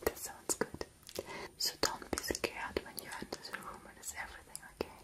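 A woman whispering softly and soothingly as a doctor in an ASMR roleplay. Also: normal speed. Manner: soft whispering, gentle and soothing. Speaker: ASMR creator.

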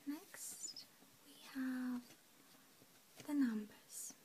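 A woman teacher giving an ASMR language lesson, whispering softly throughout with calm, gentle instructions. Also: high-pitched, very slow, slight background noise.

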